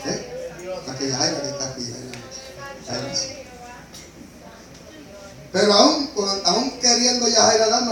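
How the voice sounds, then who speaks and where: A man preaching a fervent sermon as pastor, moving between quiet talk and shouted praise, with frequent exclamations of praise, in a church. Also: sits high. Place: church sanctuary. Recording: echoey church hall, voice from far off.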